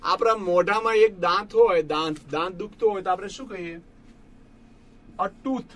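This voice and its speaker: Brief: male teacher, high voice, patient and repetitive, chats warmly with students as friends. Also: a little hiss or hum. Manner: patient, repeats each word slowly for students; addresses listeners as friends. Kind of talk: classroom lesson explaining English grammar.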